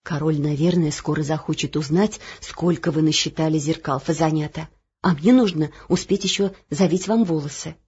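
A woman voicing a kind, fretting old cook in a storybook reading, gently grumbling and a little lower than her narration. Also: normal speed, husky, highs cut off. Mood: tender. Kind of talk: audiobook reading.

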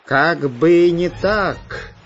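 A man voicing a booming, gloating plant lord. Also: very slow, a little hiss or hum. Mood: gloating threats. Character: menacing mad male plant lord, gloating. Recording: slightly dull, faint music.

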